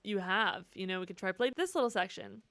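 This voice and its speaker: Speaking a little fast, this woman has a medium-pitched voice that sounds expressive, pushed, and bright. She's a musician giving an enthusiastic, slangy, informal walkthrough of music production, with the demonstrated track's music in the background.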